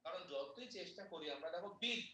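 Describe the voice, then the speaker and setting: Guy teaching grammar, high bright voice, breaks words into sounds slowly, echoey room w/ mic kinda far off. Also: expressive, slight background noise. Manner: explains step by step, spells out sounds slowly. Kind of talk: classroom grammar lesson.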